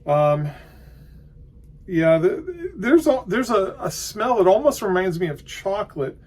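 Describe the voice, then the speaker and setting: A man giving a casual, unscripted tobacco review, hesitant and halting as he thinks aloud. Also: sits high, sing-song, darkish tone.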